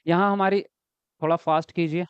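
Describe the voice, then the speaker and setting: A man's voice: fairly high pitch, steady tone, moderate pace, clean tone, no room sound, highs cut off. A man teaching an online exam-prep class, explaining step by step, asking questions and answering them himself, and reading out viewer comments. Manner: reads viewer comments aloud and talks to them. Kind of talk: live online class lecture.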